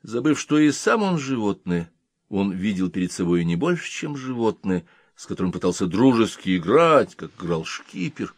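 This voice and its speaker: A man reading an audiobook in measured, expressive narration. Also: fairly low pitch, no room sound, clean studio sound. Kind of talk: scripted narration.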